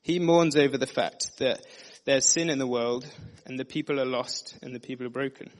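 A man preaching in an earnest, measured way, moving between scripture readings and plain explanation. His voice sits at an ordinary middle pitch for a man, and the delivery stays steady and sincere throughout. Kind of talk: sermon. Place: dim room.

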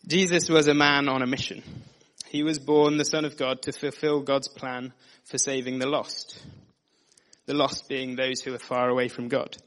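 A man giving a sermon, reading scripture passages and explaining them in an earnest, steady teaching manner. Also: medium pitch, moderate pace. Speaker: preacher. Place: dim room.

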